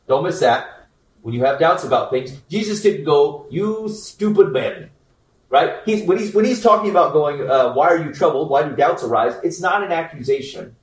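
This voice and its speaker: Man, slightly high voice, relaxed joking Bible teacher, recorded off-mic in a roomy hall. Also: far from the mic. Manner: informal, joking, checks in with frequent "okay?". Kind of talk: conversational Bible teaching to a group. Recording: echoey room, speaker away from the mic.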